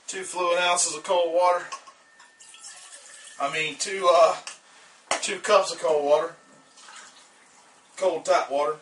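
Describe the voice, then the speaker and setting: A man with a Southern US drawl walks through a casual how-to demo in a relaxed, meandering way, dropping uh and um between thoughts. His voice has a bright, forward edge, and a little faint noise sits under it. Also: fairly high pitch, takes it slowly, pauses often. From Southern United States. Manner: relaxed and rambling, with frequent uh and um fillers. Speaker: outdoor gear hobbyist demonstrating a stove.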